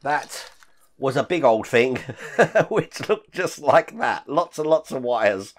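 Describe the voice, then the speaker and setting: A husky, hoarse man in his fifties speaks at a slow pace as he hosts a casual hands-on model-building walkthrough, his voice rising and falling animatedly. Illness has left his deep, rough voice croaky, and he coughs now and then. He chats while handling parts and explaining each step, surrounded by collectibles in his home hobby room.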